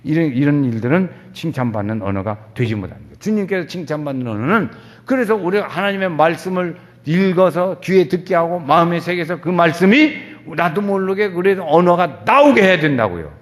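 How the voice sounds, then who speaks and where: An older man preaching a sermon as a pastor, animated and acting out quoted dialogue, sounding weary and foggy-headed. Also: fairly high pitch, brisk. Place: church sanctuary. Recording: long church hall reverb.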